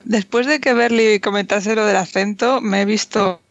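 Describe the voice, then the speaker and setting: A podcast co-host with a Galician Spanish accent chats in a relaxed way. The voice is gravelly, with some fry. The recording is dry and a little dull. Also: mid-range voice, moderate pace, dry recording. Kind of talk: casual chat.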